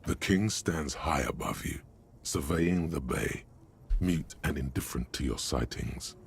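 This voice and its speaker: A male actor playing a solemn, erudite game narrator with a gravelly voice and measured, darkly poetic delivery. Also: a bass voice, slight background noise, heavily acted.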